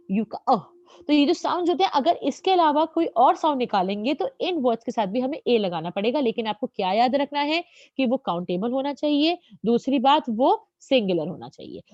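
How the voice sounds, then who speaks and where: Lady teacher, kinda high lively voice, keeps asking students if they got it, dry dull audio. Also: no echo. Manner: patient, checks understanding with repeated questions; addresses students as children. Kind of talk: grammar lesson explained in Hindi.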